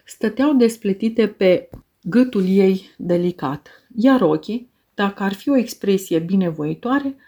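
Woman narrator, audiobook, measured, expressive, classic novel. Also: medium pitch.

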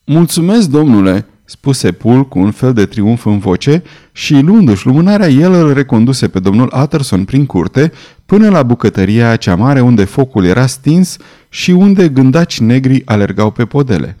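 A man from Romania reading an audiobook in a steady, deliberate narration. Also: mid-range voice. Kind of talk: scripted narration.

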